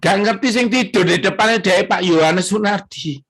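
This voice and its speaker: A man, a pastor giving an emotional sermon testimony at a church prayer service, speaking slowly with long pauses. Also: high voice, a bit bright, husky. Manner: slow, emotional storytelling with drawn-out pauses.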